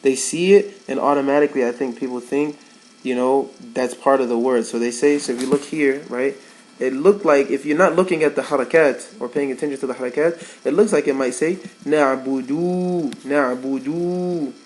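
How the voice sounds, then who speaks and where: A man's voice: mid-range voice, fairly quick, darkish tone, poor audio. A man giving a casual tajweed lesson as a Quran recitation teacher, repeating words for emphasis.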